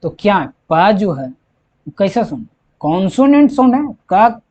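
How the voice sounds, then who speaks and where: Slow, repetitive English teacher. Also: medium pitch, sing-song, a little mellow. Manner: repeats points and answers own questions. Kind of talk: slow classroom explanation. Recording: dull lo-fi recording.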